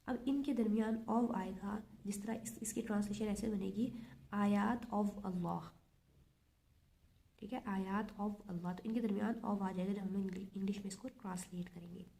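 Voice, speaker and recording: A woman's voice: mid-range voice, gravelly. Methodical woman teaching Arabic grammar. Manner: steady, methodical, repeats the same checks aloud. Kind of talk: classroom grammar lesson.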